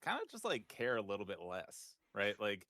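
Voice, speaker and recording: A man in his thirties talks in a relaxed, candid way during a casual chat. His voice is low but bright and forceful. The sound is dry and close. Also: normal speed, no echo. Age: 30s. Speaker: streamer guest.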